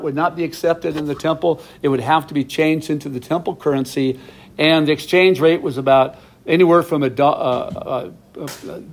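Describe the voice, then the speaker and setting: A man's voice: on the high side, creaky. A middle-aged man teaching a verse-by-verse Bible study, explaining each passage plainly with asides to his viewers.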